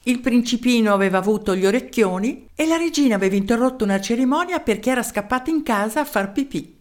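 A woman reading a children's story aloud in an expressive narrating style. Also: a little high, fast.

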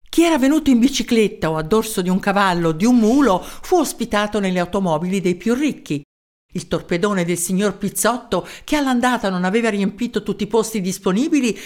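A woman reading a children's story aloud, expressive and lively, voicing the characters' lines and sound effects. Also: medium pitch. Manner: expressive, with sound-effect words and voiced quotes.

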